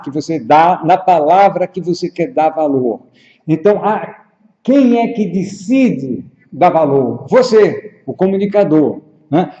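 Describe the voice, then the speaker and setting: A man coaching public speaking, explaining at a measured pace with frequent pauses and tag questions. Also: fairly high pitch, mellow. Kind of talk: explanatory lesson at a whiteboard. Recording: roomy, echoey, dull lo-fi sound.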